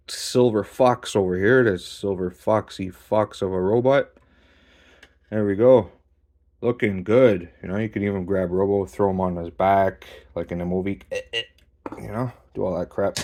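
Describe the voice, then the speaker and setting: Low-voiced man casually reviewing a model kit. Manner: relaxed, swears casually, talks while posing a figure. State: out of breath. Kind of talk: casual hands-on toy review.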